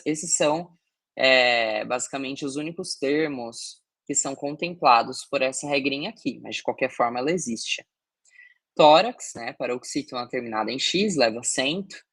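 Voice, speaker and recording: A man's voice: mid-range voice, fairly bright tone, husky, dry recording. Guy teaching a grammar class, keeps saying "right?" and "okay?", dry close sound. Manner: explanatory, many fillers and tag questions. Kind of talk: recorded grammar lesson.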